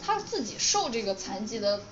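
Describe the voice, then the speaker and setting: A woman's voice: medium pitch, very animated, normal speed, crowd noise. A talkative woman co-hosting a casual music and film chat show, dropping English words into her speech. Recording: dull lo-fi, roomy echo, music behind.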